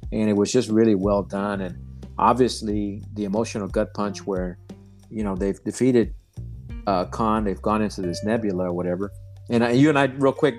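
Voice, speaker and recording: Low-voiced guy gushing about a movie, casual podcast chat, faint music behind. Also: a little mellow. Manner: enthusiastic, says "man" a lot, acts out movie lines. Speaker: podcast co-host.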